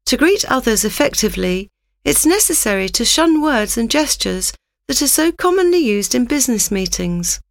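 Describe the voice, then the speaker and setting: A woman giving a scripted, instructive narration in a measured reading manner. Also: on the high side, big pitch swings, gravelly, no echo, clean studio sound.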